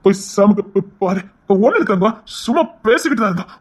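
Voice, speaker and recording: An actor playing a hot-tempered man who softens to comfort his frightened little niece, repeating reassurances in a TV serial. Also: high-pitched. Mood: soothing. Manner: soothing, repeats himself, lively and quick. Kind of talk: TV serial acting.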